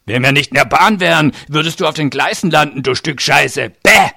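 A man voicing a huge, crude, menacing brute who growls loud threats in an audiobook reading. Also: fairly high pitch, animated, moderate pace, breathy edge, no echo, clean studio sound, pitched above the performer's own voice, full character voice.

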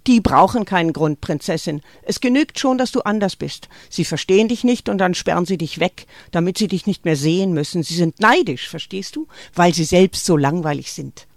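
A woman's voice: on the low side, lively intonation, moderate pace, few pauses, no room sound, clean studio sound. A woman voicing a fierce, volatile mother who warns and rages at those around her. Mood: conspiratorial urging. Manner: shouting and urgent, sometimes conspiratorial.

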